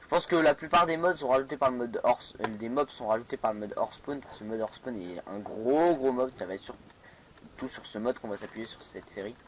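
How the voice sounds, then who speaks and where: A man's voice: medium pitch, brisk, a little hiss or hum, rough recording. A man giving casual let's play commentary on a modded game, hesitant, with many fillers and restarts. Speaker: gamer playing a modded block-building game.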